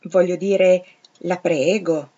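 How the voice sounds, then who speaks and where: A woman voicing a brusque, commanding middle-aged gentleman who fires off curt, imperious questions. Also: fairly low pitch, fairly even intonation, slow. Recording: slightly dull lo-fi recording.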